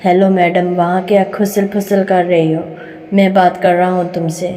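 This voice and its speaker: A rude, arrogant young man sneers through clenched teeth, as a woman storyteller reads him. The voice stays mellow and even, with hardly any rise or fall. A long reverb hangs behind it. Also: fairly low pitch, normal speed, lightly acted. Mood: mocking. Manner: mocking, speaks through gritted teeth. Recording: reverberant room.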